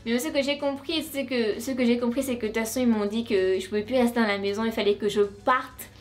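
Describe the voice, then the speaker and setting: A woman's voice: on the high side, fairly even intonation, quick pace, soft background music. A young woman from France telling her story to camera in a casual vlog, chatty and full of restarts and asides. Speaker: vlogger.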